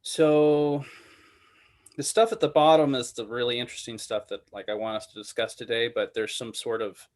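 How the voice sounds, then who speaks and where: This meeting host's mid-range voice moves at a normal speed with fairly even intonation. He moderates an online committee session casually, calling on people in a loose, meandering way, with lots of fillers and restarts.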